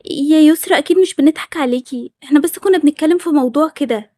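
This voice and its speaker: A woman's voice: sits high, very fast, mellow, no room sound, clean studio sound, natural voice. A woman voicing pleading Egyptian school friends. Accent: Egyptian Arabic. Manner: pleading, defensive. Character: school friends denying they were laughing.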